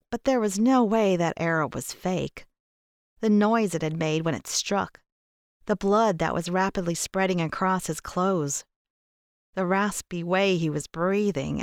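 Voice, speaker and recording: Woman audiobook narrator, low and smooth, dry close sound. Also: no room sound. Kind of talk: scripted narration.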